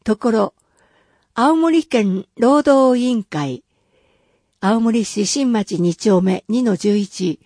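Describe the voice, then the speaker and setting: Slow, mellow woman reading city notices. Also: on the high side, dry recording, studio quality. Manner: careful, even, formal delivery. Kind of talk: scripted reading of public announcements.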